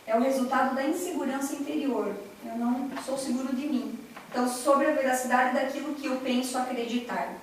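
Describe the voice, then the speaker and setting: A woman gives a heartfelt spiritual lecture, mixing personal stories with direct appeals to her listeners. Her voice sits high, and it is caught from a distance in a strongly echoing hall. A faint hiss lies under the whole recording. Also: fairly even intonation, fairly quick. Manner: earnest, personal storytelling, audience-addressing. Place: large echoey hall, recorded from afar.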